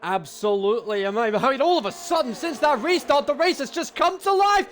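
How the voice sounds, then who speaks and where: High-pitched British male motorsport commentator. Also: lively intonation, a little fast, fairly bright tone, faint music behind. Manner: exclamatory, astonished, repeats phrases for emphasis. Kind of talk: excitable live race commentary.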